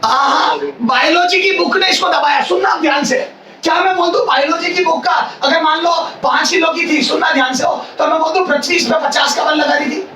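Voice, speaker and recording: A man teaching physics to a room of students, his high, bright voice pushed to near-shouting as he drills each point over and over. He is recorded from a distance in an echoey classroom, with a faint hiss behind him. He keeps checking that the class is following along. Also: fairly quick. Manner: loud, near-shouting delivery, repeats phrases and quizzes students. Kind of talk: classroom lecture.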